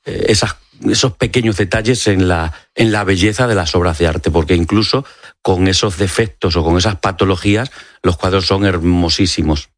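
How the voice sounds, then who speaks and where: A man's voice: deep voice, moderate pace, dry recording. A man from Extremadura, an eye doctor, explaining as a guest in a radio studio interview, with many fillers and restarts. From Extremadura, Spain. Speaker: ophthalmologist guest. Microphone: studio microphone.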